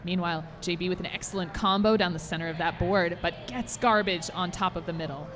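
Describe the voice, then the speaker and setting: A woman's voice: on the low side, a little fast, a bit bright, slight background noise. A woman commentating a live game match at a gaming expo, giving upbeat play-by-play. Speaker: esports commentator.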